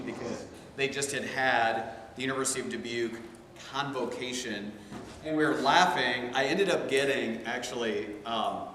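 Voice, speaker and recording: A man teaches a theology class in a relaxed, conversational way, drifting into animated side stories. His voice sits at an ordinary middle pitch. The sound bounces around a very reverberant room with a long tail and a faint hum underneath. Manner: chatty, digressive, animated storytelling. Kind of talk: casual classroom lecture.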